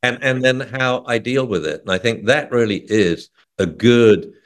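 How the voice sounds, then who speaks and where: A man, a dog trainer talking as a guest in an interview, telling lively stories and acting out voices. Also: mid-range voice, unhurried. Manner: lively storyteller, acts out dog and owner voices. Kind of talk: casual interview talk.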